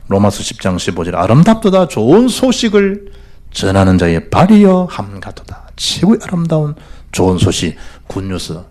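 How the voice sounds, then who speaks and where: Animated Gyeongsang pastor preaching. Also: male voice, mid-range voice. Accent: Gyeongsang Korean. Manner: animated, swings between loud exhortation and hushed asides. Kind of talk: sermon. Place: church.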